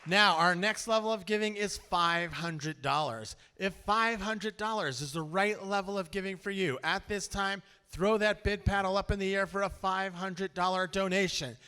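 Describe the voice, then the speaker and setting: A man emceeing a live charity auction, calling levels of giving and paddle numbers with lots of energy. His voice is high and bright with a smooth, crisp edge. It rings out with the long reverb of a large event hall. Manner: energetic, rattles off bid numbers in a rapid auctioneer chant.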